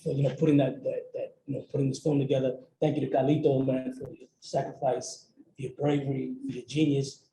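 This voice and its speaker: A man's voice: medium pitch, flat delivery, brisk, dark tone. A man from Puerto Rico speaking on a panel, earnest and openly emotional as he gives thanks. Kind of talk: panel discussion. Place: event venue. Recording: roomy with faint noise.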